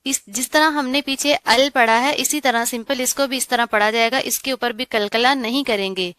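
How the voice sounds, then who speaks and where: A woman teaching Quran recitation rules, explaining patiently and often checking in with the learner, with slow, melodic recitation. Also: on the high side, steady tone, fairly bright tone, clear, resonant tone, dry recording. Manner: recites verses slowly and melodically. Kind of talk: tajweed lesson.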